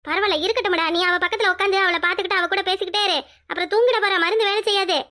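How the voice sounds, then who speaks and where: A woman's voice: extremely high pitch, steady tone, very fast, pushed and bright. A woman voicing a scolding yet caring old village grandmother in a cartoon, with a Tirunelveli Tamil accent. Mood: bossy. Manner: scolding, fussing, chatty. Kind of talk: cartoon voice acting.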